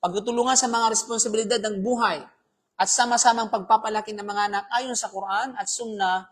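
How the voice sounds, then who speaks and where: A man's voice: high-pitched, steady tone, a little fast. A man giving a live Islamic talk as a preacher, speaking conversationally, often checking with the audience and mixing in English phrases. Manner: conversational, keeps asking "di ba?", mixes in English phrases.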